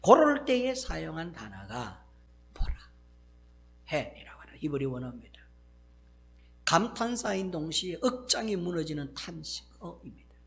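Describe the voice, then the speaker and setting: A male pastor with a Gyeongsang accent preaching a sermon, acting out exclamations and swinging from loud bursts to hushed asides. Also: a little high, sing-song, normal speed, vocal fry, pauses often.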